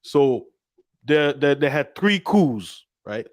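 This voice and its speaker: Animated man telling a story, dry sound. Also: on the high side, slow, dry recording. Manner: animated storytelling, acting out quoted voices. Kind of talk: casual political discussion.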